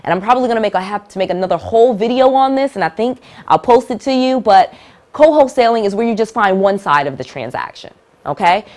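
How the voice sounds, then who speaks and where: A middle-aged woman teaching real estate investing to camera, emphatic and direct, repeating key points and checking in with "all right?". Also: fairly high pitch.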